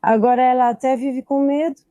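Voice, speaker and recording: Halting mother, higher mellow voice. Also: steady tone, slight background noise. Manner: halting, repeats "I said" while retelling dialogue. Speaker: mother giving testimony. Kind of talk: personal testimony.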